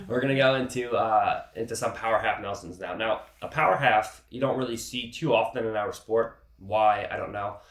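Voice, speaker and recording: Sniffling from a cold, a man teaches grappling techniques, talking through them casually and often pausing on "okay" to check in. He speaks at a moderate pace in a fairly low voice, and the room sounds echoey.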